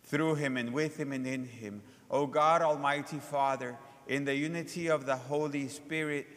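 A man speaking as a priest, reciting solemn liturgical prayers in a measured, reverent way with a long cathedral-like echo. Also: mid-range voice, steady tone, a bit bright. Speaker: priest celebrating Mass. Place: large reverberant church during Mass. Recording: long echo of a large church.

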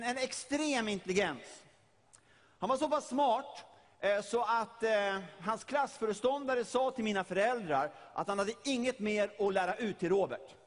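A man's voice: extremely high pitch, in a large hall. A middle-aged man from Sweden preaching a sermon, retelling a story vividly and often repeating his words.

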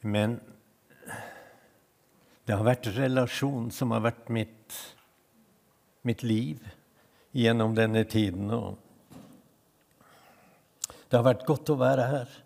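Older guy from northern norway preaching, gravelly low voice, halting phrases, big echoey hall. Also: steady tone, darkish tone. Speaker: preacher, prayer minister. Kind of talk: unhurried sermon. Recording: long hall reverb.

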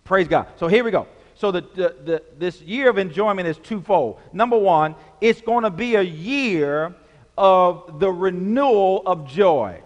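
A male pastor delivers a sermon in a sanctuary with a long, ringing reverb. His voice sits high. He works the congregation in call-and-response and builds to emphatic, repeated lines. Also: animated, measured pace, muffled recording. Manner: call-and-response preaching, rising to emphatic shouts. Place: church sanctuary.

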